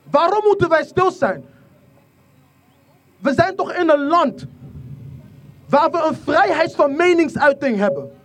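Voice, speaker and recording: A speaker from the Netherlands giving an impassioned protest speech outdoors, repeating lines and rising into shouts. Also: high-pitched, expressive, measured pace, long pauses. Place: outdoor protest rally in rain. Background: faint crowd.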